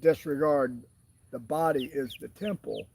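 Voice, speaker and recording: A man's voice: medium pitch, unhurried, vocal fry, a little mellow, a little hiss or hum. Emphatic man preaching as co-host. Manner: emphatic, exhorting. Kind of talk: casual chat with preaching asides.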